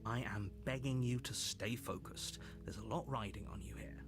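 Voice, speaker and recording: A man voicing a grave, insistent narrator in a video game, deliberate and disapproving. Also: medium pitch, gravelly, natural voice. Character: stern, insistent male storybook narrator guiding the hero. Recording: narration over loud game music.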